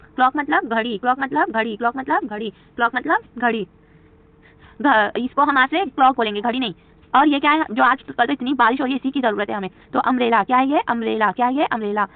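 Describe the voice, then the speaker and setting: A woman's voice: high voice, no room sound. A woman with a Hindi accent teaching a beginner spoken English lesson. She keeps asking her own questions and answering them over and over. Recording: tinny phone-like audio.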